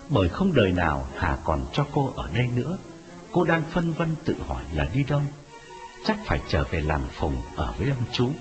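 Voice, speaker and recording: A man narrating a dramatic story in a scripted, expressive telling. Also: mid-range voice. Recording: dull lo-fi audio with music. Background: music.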